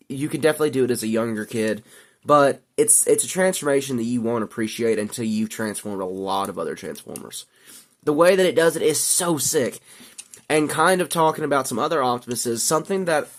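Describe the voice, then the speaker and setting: A man giving a casual, enthusiastic toy review, rambling a little and out of breath. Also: medium pitch.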